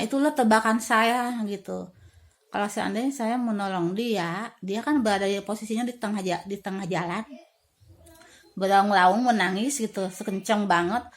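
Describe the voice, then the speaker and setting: A woman, casually telling a personal ghost story with many fillers and slow, drawn-out words at tense moments. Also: mid-range voice. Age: 50s.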